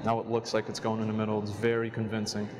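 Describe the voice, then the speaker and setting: A man in his twenties speaks quickly with a completely flat delivery, music underneath and a subway train rumbling. He's a close-up street magician, chatting casually in interview talk and performance patter as he explains and performs.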